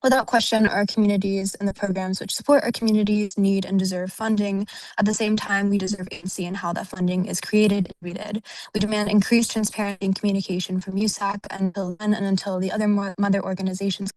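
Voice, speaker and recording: A woman's voice: medium pitch, level tone, fast, darkish tone, dry recording, poor audio. Woman, young adult, firm, prepared statement, dry close sound. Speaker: student organization officer. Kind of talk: prepared public comment.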